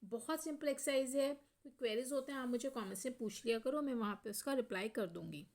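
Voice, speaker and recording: A woman teaching schoolchildren grammar, explaining step by step and often checking in, reading example sentences slowly. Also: sits high, a little mellow.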